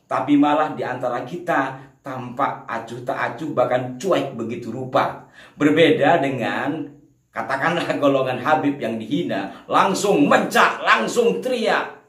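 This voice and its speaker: A man's voice: medium pitch, normal speed. A male host talks straight to his viewers in an earnest monologue. The room rings with echo. He sits at a distance from the microphone. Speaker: channel host. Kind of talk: commentary monologue.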